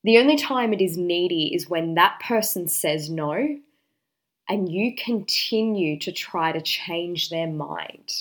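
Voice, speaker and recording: Female dating advice host, slightly low voice. Confident, direct, emphatic counselling delivery. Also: expressive, takes it slowly. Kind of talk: relationship advice talk.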